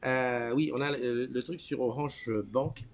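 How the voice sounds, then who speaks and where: A man with a medium-pitched voice hosts a casual live morning chat. He talks informally and teasingly, often saying a phrase several times over. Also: fairly even intonation, measured pace. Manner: informal, teasing, repeats himself. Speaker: live morning show host.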